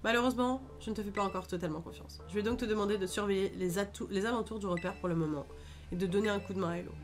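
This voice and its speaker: A woman voicing a guarded, mysterious female ally in a game, reading her orders in a calm, measured way. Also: medium pitch, faint music behind, close to an everyday voice.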